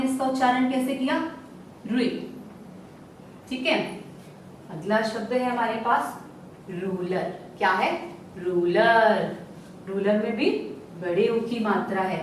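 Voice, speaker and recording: A woman's voice: fairly high pitch, a little hiss or hum. A woman teaching Hindi to young children in a recorded lesson, stretching out syllables and answering her own questions. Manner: slow, drawn-out syllables, coaxing questions answered herself. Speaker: primary school Hindi teacher. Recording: very echoey room, voice from a distance.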